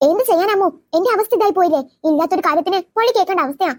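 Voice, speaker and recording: Very high-voiced woman in quick cartoon banter. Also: a little mellow, no room sound. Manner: quick, argumentative schoolgirl banter. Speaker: voice artist for all characters. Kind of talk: cartoon voice acting.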